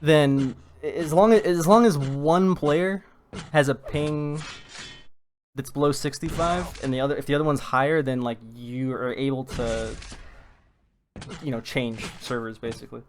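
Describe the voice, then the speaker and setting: A man's voice: mid-range voice, fairly even intonation, a little slow. Play this as a male esports caster from North America who has the hiccups. Keep the voice mid-range and ramble through fillers and restarts, with faint noise underneath. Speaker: tournament commentator. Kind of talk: live esports commentary.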